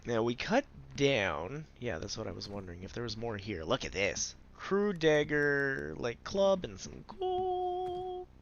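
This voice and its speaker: Slow, relaxed man narrating a game. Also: mid-range voice, dull audio, slight background noise. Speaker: gamer narrating a playthrough. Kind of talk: casual game commentary.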